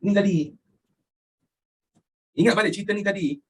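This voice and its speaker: A young Malaysian man teaching history with a Malaysian accent, animated and constantly asking his students questions. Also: high voice, moderate pace. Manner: animated, asks students questions constantly, mixes in English phrases. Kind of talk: lively classroom lecture.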